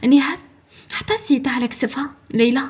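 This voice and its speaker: A woman with a Moroccan accent narrating a dramatic story in rapid storytelling style. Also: high-pitched, husky.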